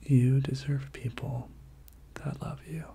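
A person giving a whispered pep talk in soft, breathy ASMR style, repeating short encouraging phrases. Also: mid-range voice, fairly even intonation, takes it slowly.

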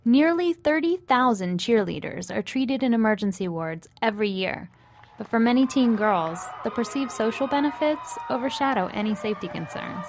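A woman reporter reading a scripted television news narration in a measured storytelling way. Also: on the high side, expressive, noisy background.

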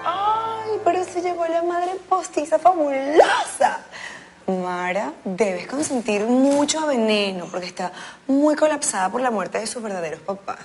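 A sarcastic, scheming schemer. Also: female voice, sits high, expressive, a little slow, soft background music. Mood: needling. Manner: sarcastic, needling. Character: scheming, gossiping young woman. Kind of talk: telenovela acting.

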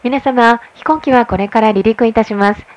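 A woman working as a flight attendant makes a formal inflight announcement over the cabin PA. She speaks in a polite, measured way from inside an airplane cabin. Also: a little high, dry recording.

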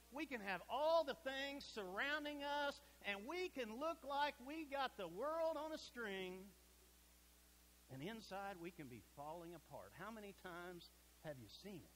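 A middle-aged man preaching a sermon in a church sanctuary, folksy and emphatic, dropping to a hush at points. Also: high-pitched, slight background noise, poor audio.

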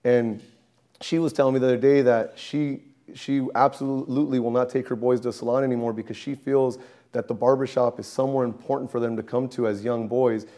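Animated man barber telling stories. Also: medium pitch, fairly quick. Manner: animated storytelling, gesturing. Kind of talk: documentary interview. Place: barbershop interior.

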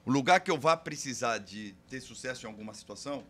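A man with a Brazilian accent, a podcast guest who talks haltingly and keeps restarting his words. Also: medium pitch, animated, sharp tone. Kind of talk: casual podcast chat.

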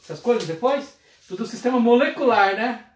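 A collector unboxing retro games in a casual vlog, exclaiming with excitement and reading item names aloud. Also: mid-range voice, fairly quick, distant mic. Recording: roomy echo, voice away from mic, faint noise.

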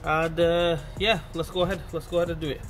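Soft music plays behind a fast-talking mechanic whose nose is clearly stuffed up. His voice is a little high and level as he casually walks viewers, his "guys," through a car repair, recorded on a phone right by the engine.

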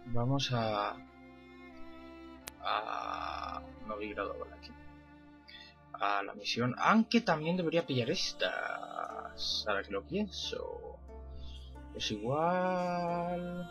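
A man commentating a video game play-through, excitable and swearing, talking back to what he sees on screen. His voice is bright and sharp at an ordinary middle pitch, with faint music underneath. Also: takes it slowly, gravelly, pauses often. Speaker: gaming streamer.

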